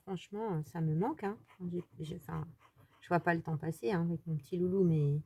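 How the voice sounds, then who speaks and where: A woman with a French accent hosts a casual crafting tutorial. Her voice sits a little low and has a gravelly edge. She chats and thinks aloud as she works, with trailing fillers. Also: fairly quick, mellow. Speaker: crafting video host.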